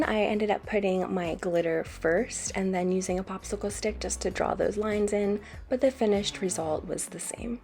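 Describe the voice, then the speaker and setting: An American woman narrating a craft tutorial as a voice-over, explaining each step in a calm, instructional way. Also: mid-range voice. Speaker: craft channel host.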